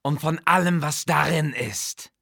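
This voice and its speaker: A haughty undead priest-king, voiced by a male narrator speaks in a slow, commanding, hissing tone. His gravelly words are dry and close, with no room around them. He sounds like a storybook tyrant who demands obedience. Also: a little high, a bit bright, no room sound, pitched above the performer's own voice, heavily acted. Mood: cold, commanding.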